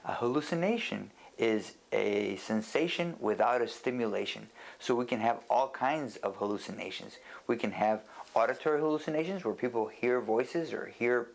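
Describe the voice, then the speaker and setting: A man with a gravelly, mid-range voice speaks as a doctor in an unscripted educational lecture. He explains things in plain language with a halting, deliberate delivery.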